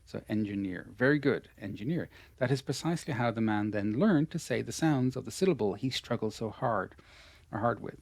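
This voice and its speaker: With a middling pitch and a slightly creaky, expressive delivery, this Irish pronunciation teacher talks a little fast as he guides a student through an online English lesson. Patient and encouraging, he praises over and over. The sound is close and dry, with no echo or room.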